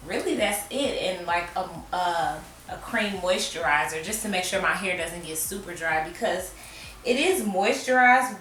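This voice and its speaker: A woman's voice: mid-range voice, fairly bright tone, recorded from a distance. Chatty woman, slightly breathless, echoey room. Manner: chatty, self-mocking, drawn-out phrases. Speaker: hair vlogger. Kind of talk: casual hair tutorial vlog. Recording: echoey room, voice off-mic, faint music.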